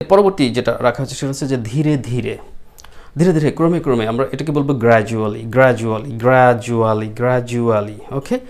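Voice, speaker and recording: A male English tutor with a Bengali accent and a slightly mellow, mid-range voice gives a vocabulary lesson. He spells each word letter by letter, repeats it, then poses questions to the class and answers them himself while writing on a screen.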